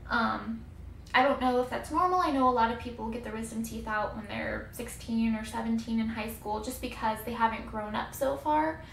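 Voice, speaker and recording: A woman in her twenties shares a casual, rambling personal story as a vlogger. Her voice sits a bit high and often drops into creaky fry. She sidetracks herself and leans on exaggeration, recorded in a roomy, echoey space. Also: moderate pace, a bit bright, slight background noise. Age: 20s. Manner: chatty, rambling, self-interrupting, given to hyperbole.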